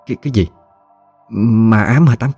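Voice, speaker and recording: A man's voice: low-pitched, expressive, a little fast, warm tone, soft background music. A man voicing a timid young delta wife. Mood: anxious. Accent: Mekong Delta Vietnamese. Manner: hesitant, stammering, polite.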